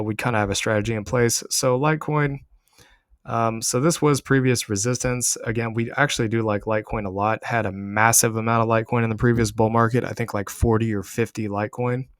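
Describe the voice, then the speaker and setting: Low-voiced man doing casual market commentary. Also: dry recording, studio quality. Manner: explanatory, addressing viewers directly. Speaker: crypto trading channel host. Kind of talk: casual market commentary over price charts.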